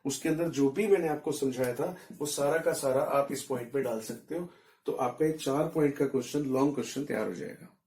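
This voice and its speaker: A man's voice: medium pitch, brisk, a little mellow. Indian man teaching in an echoey room. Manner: explains step by step, mixing in English terms, asks check-in questions. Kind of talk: explaining economics in a recorded lesson.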